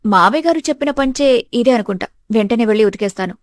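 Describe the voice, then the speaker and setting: Woman as a meek cartoon daughter-in-law, earnest, fairly high voice, dry. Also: expressive, fast, no room sound, natural voice. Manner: earnest, pleading. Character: meek but steadfast young daughter-in-law. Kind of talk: animated storybook voice acting.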